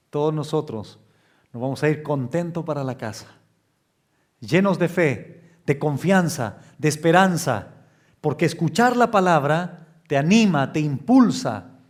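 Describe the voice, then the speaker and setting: Slow, emphatic preaching man. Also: expressive. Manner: slow, emphatic preaching with sudden pitch rises. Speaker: pastor. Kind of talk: expository sermon.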